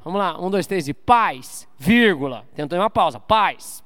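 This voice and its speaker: A man's voice: sits high, lively intonation, unhurried, fairly bright tone, no echo, studio quality. A man preaching an informal sermon to his church, joking and calling out for amens. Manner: informal, calls out for amens, jokes with the crowd. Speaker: pastor. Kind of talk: casual sermon to a congregation. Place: church service.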